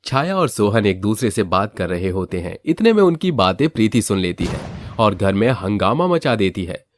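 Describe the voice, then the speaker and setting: A man narrating a cartoon family story in an even storytelling tone. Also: lowish voice, moderate pace, dry recording, clean studio sound.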